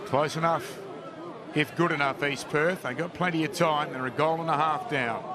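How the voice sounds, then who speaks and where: A man's voice: a little high, normal speed. An Australian male commentator giving a running, descriptive play-by-play of live football. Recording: crowd and noise behind live commentary. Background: crowd at outdoor ground.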